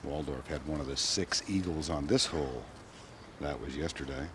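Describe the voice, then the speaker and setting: Man, golf commentator, deep pitch, clipped measured phrasing, noisy outdoor broadcast. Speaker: golf commentator, lead announcer on a hole. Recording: crowd and outdoor noise behind broadcast. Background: golf course crowd and outdoor ambience.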